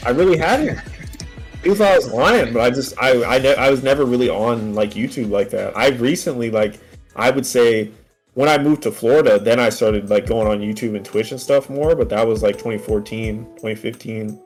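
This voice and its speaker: A man's voice: mid-range voice, normal speed. A young man chatting casually about games in a rambling, slangy way with frequent swearing. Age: young adult. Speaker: podcast co-host. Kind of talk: casual gaming chat. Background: music in the background.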